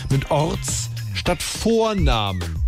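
Animated male radio presenter over music. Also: on the high side, drawn-out words. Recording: music bed behind the voice.

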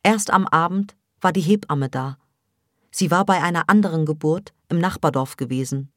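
A woman with a low voice reads a novel aloud for radio, measured and intense. She is recorded close on a studio mic with a dry sound. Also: a bit bright, no echo. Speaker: reader. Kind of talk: literary narration for radio. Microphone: studio microphone.

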